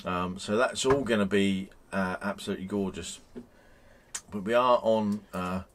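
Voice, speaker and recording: A man's voice: sits low, normal speed. Middle-aged guy vlogging from his motorhome, lots of ums, a bit of background hiss. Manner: chatty, rambling with frequent ums and restarts. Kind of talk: casual vlog chat. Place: inside a parked motorhome.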